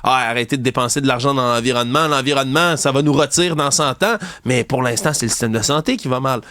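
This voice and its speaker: This man speaks at a quick pace with a sharp tone, hosting a heated commentary show in a Québécois French accent. Indignant and sarcastic, he rants about a news story and mocks opponents in high-pitched voices. There's no room sound; it's studio quality.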